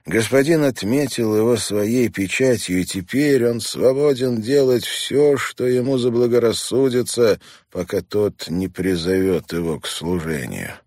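Deep, husky male audiobook narrator. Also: unhurried, darkish tone, no echo, clean studio sound. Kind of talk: scripted narration.

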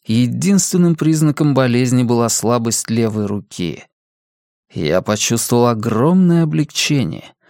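A man reading a novel aloud in a calm, measured storytelling manner. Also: medium pitch, no echo, clean studio sound. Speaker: audiobook narrator. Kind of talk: scripted narration.

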